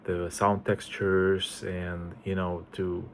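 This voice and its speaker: A man's voice: low-pitched, level tone, takes it slowly, a little hiss or hum. A man in his forties from Estonia, introducing himself as a composer in a casual, hesitant way with many fillers. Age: 40s.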